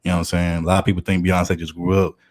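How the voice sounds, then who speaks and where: A man's voice: deep voice, little pitch movement, racing. A man in his thirties from Houston with a Southern accent, chatting casually and rambling with many fillers. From Houston, Texas. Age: 30s. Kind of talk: casual podcast chat.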